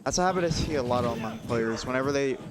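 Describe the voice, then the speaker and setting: A young man doing casual live commentary, relaxed and explanatory. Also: medium pitch, fast, heavy background noise. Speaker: esports commentator. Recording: live stream with loud game music.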